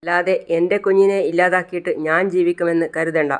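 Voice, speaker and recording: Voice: mid-range voice, steady tone, a little fast, clear, resonant tone, close to an everyday voice. A narrator voicing a defiant young pregnant wife who stands up to her husband, in a retold TV serial.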